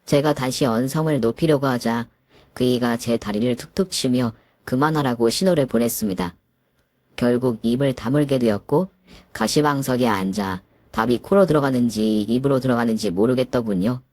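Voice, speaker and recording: Low-voiced woman narrating a dramatized story. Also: normal speed, darkish tone, no echo, clean studio sound. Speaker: narrator and lead daughter-in-law.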